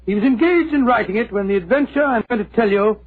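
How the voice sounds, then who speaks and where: An actor playing a genial older British doctor, a chatty, courteous, slightly fussy storyteller in a 1940s radio drama. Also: male voice, high voice, fast talker, breathy edge. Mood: genial, reminiscing. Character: genial older doctor, detective's loyal old friend. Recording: tinny, lo-fi 1940s radio recording.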